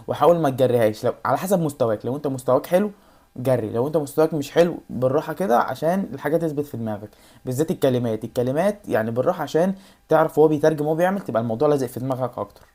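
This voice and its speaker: A woman with an Egyptian Arabic accent and a deep, expressive, warm voice gives exam study tips in a casual YouTube vlog. She talks rapidly and straight to the viewer, reassuring them again and again.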